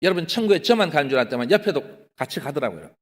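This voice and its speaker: Male pastor with a Gyeongsang accent, high and lively delivery, keeps addressing the congregation, echoing hall. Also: racing. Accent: Gyeongsang Korean. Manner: animated, often addresses the congregation, acts out his own excited pleading. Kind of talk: testimony sermon. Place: prayer retreat hall. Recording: long hall reverb.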